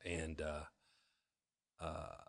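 A man in his fifties with a very low voice, recorded close and dry. He tells his story candidly in a halting way, often restarting with repeated words before he finds the thread. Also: flat delivery, creaky, no room sound. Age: 50s. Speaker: guest.

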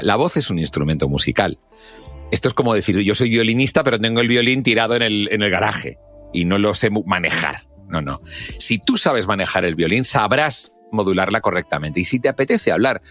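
A man's voice: lowish voice, a little fast, soft background music. A middle-aged man from with a radio broadcaster's voice, explaining speaking skills in an interview and acting out the lines he quotes. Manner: expressive, acts out shouts and quoted lines. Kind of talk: podcast interview, animated explaining.

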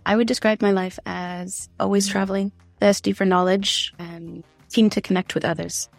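A young adult woman answering podcast interview questions in a candid, chatty way with quick asides. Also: medium pitch, little pitch movement, vocal fry, dry recording, soft background music. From grew up in the Philippines, the States and Tunisia. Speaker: guest, diversity and inclusion consultant.

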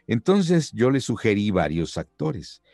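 Low-voiced man telling stories. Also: unhurried, gravelly, no echo, clean studio sound. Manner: lively storyteller who acts out quoted voices. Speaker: voice actor. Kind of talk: anecdotal storytelling in an interview.

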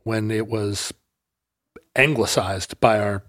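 A man's voice: lowish voice, steady tone, takes it slowly, a bit bright. An American man from Alaska co-hosting a podcast, wry and full of quips. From Alaska, United States. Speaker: podcast co-host. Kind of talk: casual chat.

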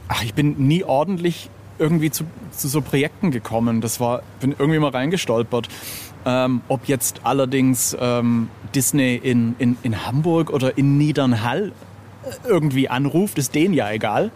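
This middle-aged illustrator, being interviewed, shares informal stories and pokes fun at himself. He speaks at a normal speed in a medium-pitched, somewhat dark voice, and the recording carries clearly noisy ambient sound.

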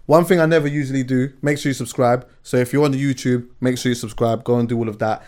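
Speaking quickly in a steady, mid-range voice that's a little mellow, a London-accented man hosts a podcast. His talk is relaxed and slangy, and he keeps dropping in "yeah" and "you know" as he goes.

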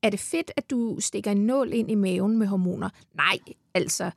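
Speaking as a guest on a podcast, this heavily pregnant Danish woman keeps the casual chat enthusiastic, cursing freely and laughing often. Her medium-pitched voice is creaky, recorded cleanly on a studio mic with no echo.

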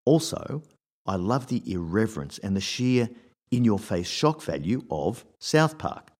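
A man's voice: fairly low pitch, sing-song, a little slow, a little mellow. A man, hosting a scripted advice talk and telling workplace anecdotes in a wry, conversational way.

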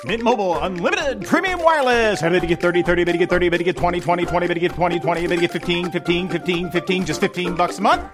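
A man playing an excited auctioneer in an advert, rattling off a repetitive bidding chant. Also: sits high, fast, few pauses, natural voice. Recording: music behind the voice.

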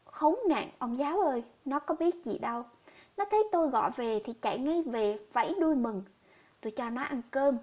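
A woman's voice: high-pitched, lively intonation, fairly quick, a little mellow. A woman voicing a poor, grieving old village man who speaks sorrowfully and pleadingly.

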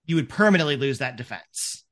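A man's voice: medium pitch, lively intonation, brisk, a bit bright. A man running a tabletop game as game master, narrating in a rambling way, full of "like" and "um". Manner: rambling, many "like" and "um" fillers.

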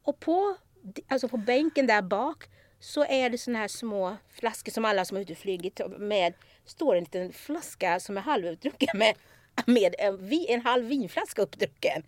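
Animated and chatty, this podcast host relates a story and plays the characters herself. Her voice sits in the mid-range, with no echo on the recording.

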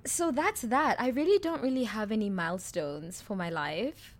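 A South African woman in her twenties, with a mild accent, co-hosts a podcast in casual, open chat. She's blunt and crude in a relaxed, joking way and often bursts out laughing. Her pitch is fairly high and her pace normal.

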